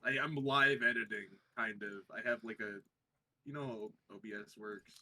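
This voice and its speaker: A man's voice: lowish voice, steady tone, moderate pace, bright, forceful tone. A man sounding tinny and hollow, as if talking from inside a metal tin can, chatting casually with friends as a streamer and stumbling over restarts. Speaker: streamer in a tabletop game group. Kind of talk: casual chat among friends.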